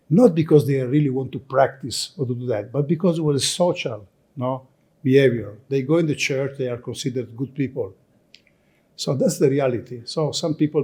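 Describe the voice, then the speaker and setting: Speaking at a conference, this Italian-born lecturer works through his talk in faltering second-language English, often starting over and repeating himself. Italian is his first language and it colors his accent. His mid-range voice is somewhat mellow and husky.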